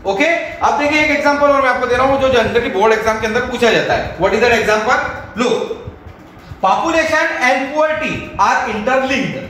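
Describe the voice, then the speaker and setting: Indian male grammar teacher, high and slow, echoey room, questions and answers his own class. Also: sharp tone. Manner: mixes English and Hindi, repeats questions to pupils and answers them himself. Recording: very echoey room with faint noise.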